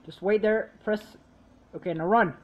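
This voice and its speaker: A woman's voice: mid-range voice, moderate pace, highs cut off. Teasing young woman coaching a gamer. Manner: bossy, teasing, bursts into exasperated yelling. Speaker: gaming channel co-host coaching her sister. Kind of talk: casual gaming commentary.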